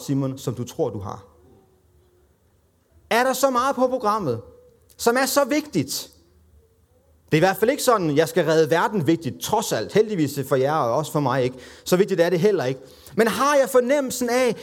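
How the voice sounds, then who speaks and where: A man with a high voice preaches in a loose, conversational way. He pokes fun at himself and slips into the voices of the people in the story as he retells it. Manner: conversational, self-deprecating, acts out quoted voices. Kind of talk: sermon.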